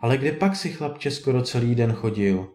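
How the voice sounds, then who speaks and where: A man's voice: mid-range voice, mellow, natural voice. A man putting on a fretful, scolding peasant mother. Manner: fretful, chiding. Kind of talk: storybook reading.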